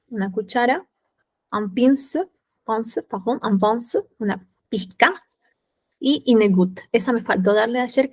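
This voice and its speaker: Woman teacher, patient French lesson. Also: on the high side. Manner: slow and patient, repeating each French word and then its Spanish meaning. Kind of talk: online class, explaining vocabulary.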